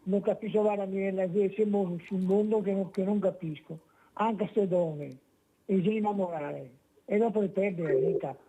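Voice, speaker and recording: A man with a Venetian accent calling in on speakerphone over a bad phone line, talking in a rambling, indignant, halting way. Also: high voice, warm tone, breathy edge. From Venice, Italy. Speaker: caller. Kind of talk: call-in radio comment.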